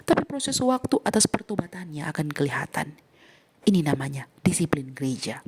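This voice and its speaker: Husky woman pastor preaching emphatically. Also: deep voice, sing-song, a little fast. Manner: emphatic preaching with sudden soft whispered asides. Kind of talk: sermon.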